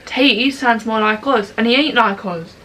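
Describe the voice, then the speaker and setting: A woman's voice: a little high, normal speed, pushed and bright, slight background noise, rough recording. A young woman with a chavvy British accent, chatting casually in slangy, informal speech as she co-hosts a reaction video. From Britain.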